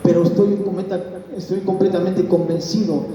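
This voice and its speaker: Pastor guy telling his story, kinda high voice, long reverb in a big room. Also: little pitch movement, moderate pace, warm tone, a little hiss or hum. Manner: earnest storytelling, acts out quoted voices. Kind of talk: spoken testimony. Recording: echoey hall, mic far off.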